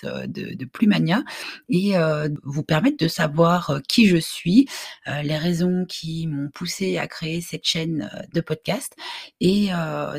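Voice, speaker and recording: A woman's voice: lowish voice, gravelly, darkish tone, husky, no room sound, studio quality. A woman, hosting a solo podcast and talking with many hesitations and restarts. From Belgium. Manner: halting, frequent hesitations and restarts. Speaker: podcast host.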